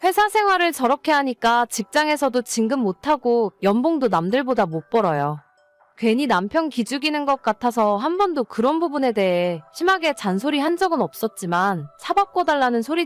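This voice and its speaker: A woman's voice: on the high side, sing-song, fairly quick, soft background music. A woman playing an exasperated, nagging wife in a scripted dramatized story. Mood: weary, fed up. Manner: nagging, scolding. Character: exasperated, scolding wife of an irresponsible husband. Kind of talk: scripted story narration and dialogue.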